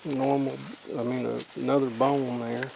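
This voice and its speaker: Faint outdoor noise, gravelly middle-aged man, mellow, casual plain-spoken commentary. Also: medium pitch, flat delivery, moderate pace. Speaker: outdoor vlog co-host. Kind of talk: casual commentary while exploring woods. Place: outdoors in woods. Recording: faintly noisy outdoor field recording.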